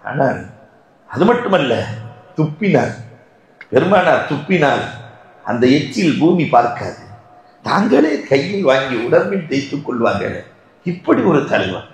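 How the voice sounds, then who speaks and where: A man delivers a Ramadan sermon with impassioned storytelling. His voice sits high and swoops widely between declaiming and hushed, tearful lows. Heavy echo from a large hall surrounds every word. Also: big pitch swings, unhurried, long pauses. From South India. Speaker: Islamic preacher.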